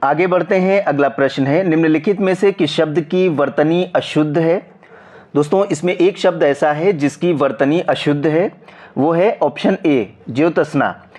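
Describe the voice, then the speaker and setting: A man with a Hindi accent explaining exam practice questions as a coaching teacher, slowly and repetitively, checking in with viewers often. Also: fairly high pitch, darkish tone.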